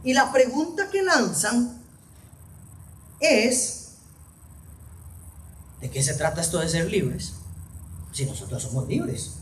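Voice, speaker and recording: A preacher delivering a sermon on a Bible passage in an animated way, swinging between soft low asides and raised, emphatic phrases. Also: takes it slowly, pauses often. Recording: echoey room picked up from a distance with faint background noise.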